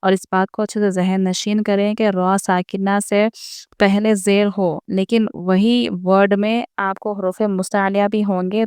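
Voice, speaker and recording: A woman teaching a recitation lesson online. She explains each rule patiently, speaks straight to her viewers, and slows down to sound out example words. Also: mid-range voice, a little mellow, clear, resonant tone, dry recording, studio quality. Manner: patient step-by-step explaining, repeating each point; addresses viewers directly.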